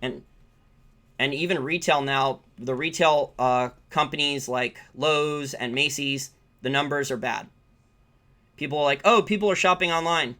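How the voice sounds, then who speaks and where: Pitched a little high and speaking a little slowly, this American man has a pushed, bright sound. As a finance channel host answering live viewer questions, he gives off-the-cuff, opinionated market commentary and repeats points for emphasis.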